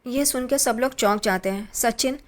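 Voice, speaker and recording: Woman casually recapping a serial, fairly high voice. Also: normal speed. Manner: retells scenes, voicing quoted lines with small pitch lifts. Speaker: narrator recapping a TV serial episode. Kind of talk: casual spoken recap narration.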